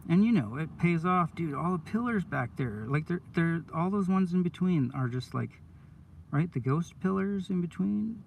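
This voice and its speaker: A man chatting casually on a live stream in his van, rambling and excitable, full of "dude" and "oh my God", sounding stoned. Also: on the high side, moderate pace, gravelly, recorded from a distance, slight background noise. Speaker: coin roll hunter streaming live.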